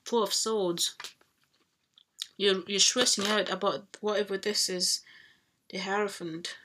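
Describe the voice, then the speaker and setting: A woman's voice: mid-range voice, steady tone, measured pace, sharp tone, slight background noise. A woman giving a casual tarot reading to viewers, thinking aloud and rambling with fillers and restarts as she draws cards. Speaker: tarot reader.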